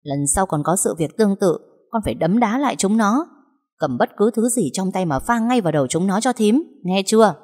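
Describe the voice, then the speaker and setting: A woman's voice: fairly low pitch, lively intonation, moderate pace, dark tone, slightly rough. A woman voicing a protective, motherly older kitchen aunt who comforts and scolds by turns, in a storybook reading. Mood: firm. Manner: soothing, then firm and scolding. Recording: long hall reverb.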